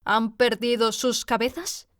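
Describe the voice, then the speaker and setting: A woman voicing the furious, imperious Queen of Hearts, shouting shrill commands in a storybook reading. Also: flat delivery, measured pace, dry recording, clean studio sound, natural voice.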